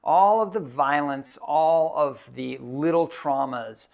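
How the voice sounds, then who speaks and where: A man in his thirties giving a reflective personal storytelling talk as a keynote speaker, halting often with fillers. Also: a little high, gravelly.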